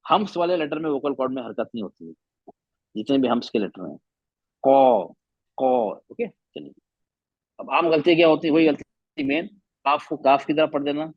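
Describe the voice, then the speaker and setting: A man's voice: on the high side, brisk, slightly rough, no room sound, muffled recording. A man teaching a Quran recitation class online, patiently repeating letter sounds to demonstrate them.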